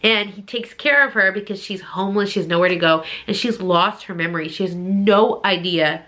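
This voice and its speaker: Talking fairly quickly in a medium-pitched, pushed and bright voice, a woman reviews books on the channel she hosts. Her vlog delivery is informal and effusive, with emphatic repetition.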